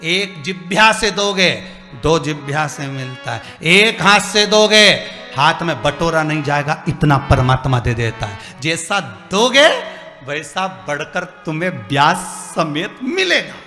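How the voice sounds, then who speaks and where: Bright-voiced man preaching in an echoing hall. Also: on the high side, a little slow, faint music behind. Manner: animated, acts out dialogue and asks the crowd questions. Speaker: religious storyteller. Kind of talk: devotional sermon with storytelling.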